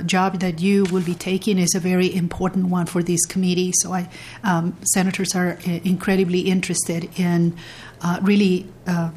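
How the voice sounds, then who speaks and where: A woman chairing a legislative committee hearing, speaking haltingly with many fillers and restarts. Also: on the low side, darkish tone, slight background noise.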